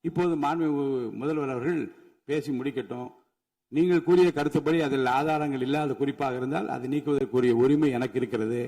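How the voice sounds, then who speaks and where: Male assembly speaker, mid-pitched voice, calm formal rulings, honorifics throughout. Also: in a large hall, rough recording. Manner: measured, formal, addresses members by honorific. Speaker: assembly speaker chairing the session. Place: legislative assembly chamber.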